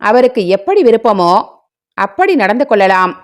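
A woman voicing a soft-spoken grieving widow. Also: on the high side, big pitch swings, normal speed. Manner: soft and sorrowful.

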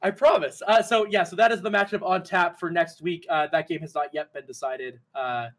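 A man's voice: fairly high pitch, a little fast. A man co-casting a college esports match, giving analysis with dry jokes. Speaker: esports co-caster. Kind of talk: live esports commentary.

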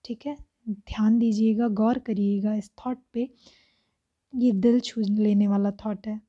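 A woman teacher, reading exam questions aloud slowly and explaining each answer step by step. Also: medium pitch, steady tone, lo-fi sound. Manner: slow, reads English questions aloud word by word then explains in Hindi. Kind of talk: exam-prep lesson.

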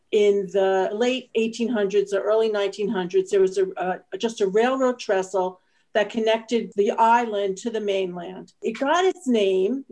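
Speaking from home over a video call, a woman who works as a park interpreter gives an informal historical explanation. Her voice is medium in pitch and a little mellow, picked up by the call's microphone.

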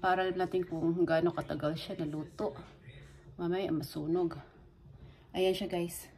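Recorded on a phone propped nearby or held at arm's length, this clearly noisy clip from a small indoor home kitchen features a middle-aged woman with a Filipino accent. As a home baking vlogger she chats casually, switching between Tagalog and English, in a lowish, dark voice with a steady tone and moderate pace.

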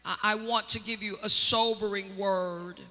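In a church sanctuary, a woman preaches as a prophetess, drawing out key words for dramatic effect and calling on the congregation to respond. Her voice is medium in pitch with a sharp tone and fairly even intonation, and the hall's long reverb trails after her.

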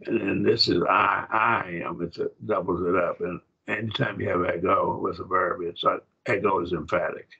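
A man teaching a Bible Greek class, halting and repeating himself, often checking that the class follows. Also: low voice, steady tone, vocal fry, fairly bright tone, lo-fi sound, a little hiss or hum. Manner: halting, repeats words, asks the class if it makes sense.

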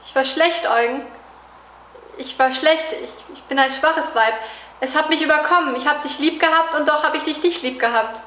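A woman's voice: high-pitched, normal speed, pushed and bright, a little hiss or hum. A woman playing a timid, guilty young wife who stammers and pleads, acted on a stage. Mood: remorseful. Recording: roomy hall echo.

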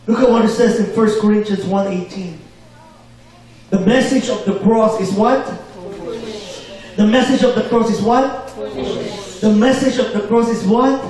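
Male preacher, high voice, call-and-response delivery, booming church echo, distant mic. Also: steady tone, a little slow, long pauses, a little mellow. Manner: call-and-response, asks for amens. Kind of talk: sermon. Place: church hall. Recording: very echoey hall, mic far off.

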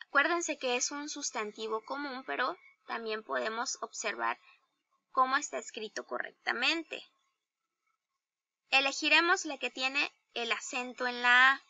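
A woman teacher with a Mexican Spanish accent, giving a slow, deliberate grammar lesson to young children and asking them questions. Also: high voice, vocal fry, bright, forceful tone, no echo. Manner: slow, deliberate, spells out each example; addresses pupils directly with questions. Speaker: primary school teacher.

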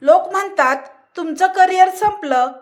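A woman voices a pushy male journalist from a storybook who keeps pressing his questions. His lines are pitched high and spoken slowly. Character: journalist man pushing for a story.

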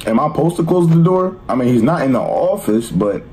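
A young man streaming horror games with scared, excitable, slangy reactions and yelling at jumpscares. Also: mid-range voice, a little fast, slight background noise. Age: young adult. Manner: casual slangy speech. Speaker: gaming streamer. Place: small indoor gaming room.

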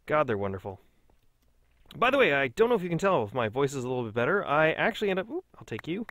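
A man's voice: on the high side, big pitch swings, quick pace, fairly bright tone, slight background noise. A man hosting a Let's Play, chatting casually and mocking himself as he plays. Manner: chatty, self-mocking, talks to himself while playing. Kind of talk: casual gameplay commentary.

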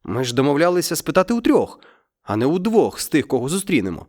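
A man's voice: a little high, big pitch swings, fast talker, a little mellow, voice pushed up. A man voicing a kind, honest villager pleading for justice in a storybook reading. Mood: earnest. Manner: earnest, pleading.

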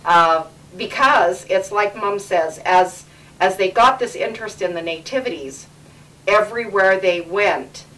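A woman's voice: medium pitch, a little slow, fairly bright tone, far from the mic, low-quality recording. A middle-aged woman from Canada hosting a casual home interview with her parents, chatty and repeating words for emphasis, recorded as old camcorder audio.

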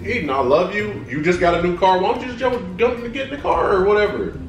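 A man's voice: high-pitched, expressive, fast talker, a little hiss or hum. A young man chatting casually in an exasperated, protesting way. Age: young adult. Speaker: vlogger's boyfriend. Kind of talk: casual chat. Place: living room, bedroom and supermarket. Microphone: distant camera. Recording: roomy distant camera, music behind.

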